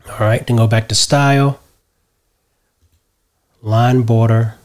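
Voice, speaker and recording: Man talking through a software tutorial. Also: medium pitch, slow pace. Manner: relaxed step-by-step explaining, tags lines with "right?". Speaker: tutorial host. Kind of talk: screen-share software tutorial. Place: home office, indoors.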